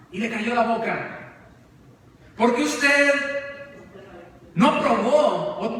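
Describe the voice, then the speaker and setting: A man's voice: very high voice, a bit bright, a little hiss or hum, voice pushed up, heavily acted. A man voicing a male servant who questions his lord deferentially and insistently. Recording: echoey church hall, distant mic.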